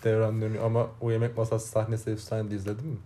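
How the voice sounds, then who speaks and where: A man's voice: fairly low pitch, monotone, racing, warm tone. A young man chatting casually as a co-host, agreeing a lot and laughing often. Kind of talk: casual chat.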